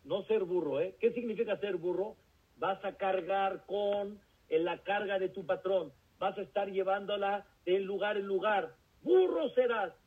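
A man's voice: high-pitched, steady tone, unhurried, slightly rough. A man with a Mexican accent, a rabbi preaching a sermon with rhetorical questions and folksy stories. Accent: Mexican Spanish. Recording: tinny phone-like recording.

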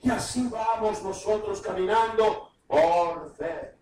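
A man preaching a fervent sermon, reading scripture aloud and breaking into shouted emphasis. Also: high-pitched, takes it slowly, slight background noise. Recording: echoey room, voice from far off the mic.

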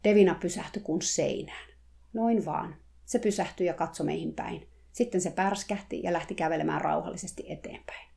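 A woman reading a first-person story aloud in a calm, measured way. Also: lowish voice, creaky. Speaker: narrator.

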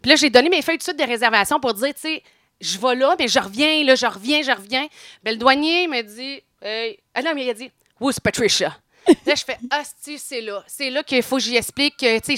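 A woman's voice: on the high side, fast talker, fairly bright tone, dry recording, studio quality. A middle-aged woman with a Quebec French accent, telling a story in casual podcast chat and laughing often.

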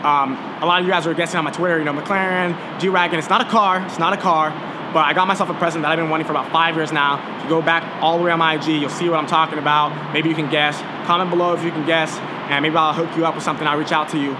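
A man's voice: a little high, fairly even intonation, fast, noisy background. A nineteen-year-old man hosting a podcast in a casual monologue, hyped and salesy, swearing freely. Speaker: podcast host.

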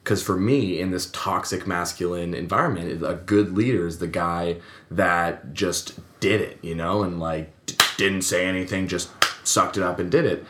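A fairly low-voiced man reflects out loud on a panel, hesitating often and filling the gaps with "uh" and "like". The room around him adds a noticeable echo. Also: fairly even intonation, normal speed, a little hiss or hum. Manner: reflective, hesitant, many fillers. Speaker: panel guest. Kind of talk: casual panel chat. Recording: roomy echo.

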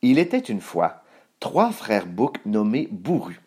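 A man reading a children's story aloud, expressive, voicing sound effects. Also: on the low side, slow pace, slightly rough.

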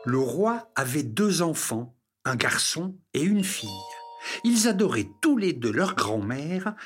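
An expressive storyteller reading a children's tale, the voice rising and falling freely from phrase to phrase. The pitch sits in a middle range, and music plays behind the reading. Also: measured pace. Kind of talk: scripted narration of a children's tale.

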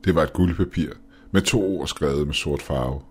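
Man with a super deep voice reading a creepy story, calm and steady, faint music behind. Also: slightly rough. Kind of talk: scripted horror story narration.

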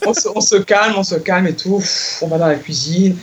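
A middle-aged woman recounting a memory in a relaxed conversation. She gets excitable, laughs easily and leaps up in pitch when she acts out what people said. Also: brisk, a little hiss or hum. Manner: excitable, laughs often, lively acted-out quotes. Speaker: guest telling a personal story. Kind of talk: casual storytelling chat.

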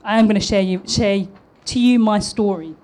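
A woman in her thirties from East London, an architect with a polished southern English accent, gives a prepared public talk in a mid-range, darkish voice at normal speed. She comes across earnest and slightly nervous, with small restarts.

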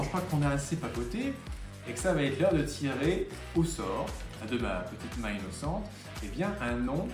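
Male hiking coach vlogger, friendly and enthusiastic, slightly high voice, echoey room. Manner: enthusiastic, chatty, addresses viewers as friends. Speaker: hiking coach and channel host. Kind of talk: casual promotional vlog talk.

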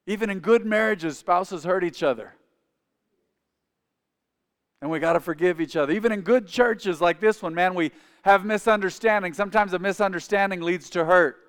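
Man, 40s, pastor, sermon in church, smooth resonant voice, call and response. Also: high-pitched, moderate pace, fairly bright tone. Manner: calls on the congregation to repeat phrases. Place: church sanctuary. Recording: long reverb of a large hall.

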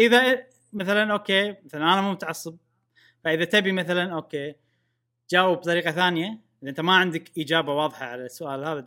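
A man's voice: high voice, sharp tone. A man hosting a casual podcast, thinking aloud with hesitant fillers. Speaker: podcast host.

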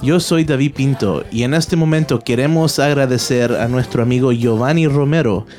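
A man's voice: mid-range voice, moderate pace, darkish tone, faint music behind. A man announcing a radio program, thanking listeners and a helper in a friendly read-aloud style.

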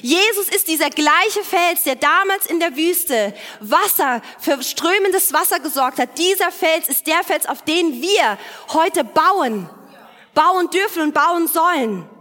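A woman delivers a sermon in a high voice, pressing each point with repetition and emphasis. Her words ring out with a long hall reverb behind them, as in a church sanctuary. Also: animated, slow, pushed and bright. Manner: emphatic preaching with repeated phrases and occasional restarts. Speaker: preacher.

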